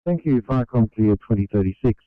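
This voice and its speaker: A man's voice: on the low side, expressive, a little fast, dry recording. A man working as an emergency radio operator, talking procedurally over a walkie-talkie. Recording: thin narrow-band two-way radio.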